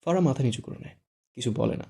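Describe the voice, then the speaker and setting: Gravelly, dark-voiced male storyteller. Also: mid-range voice, fast. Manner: steady storytelling. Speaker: narrator. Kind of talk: audiobook story narration.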